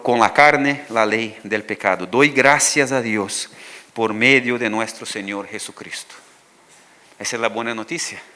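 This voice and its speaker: A man's voice: medium pitch, bright, forceful tone. A man preaching a sermon to a church congregation, asking the listeners questions and reading scripture aloud with rising intensity. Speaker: pastor.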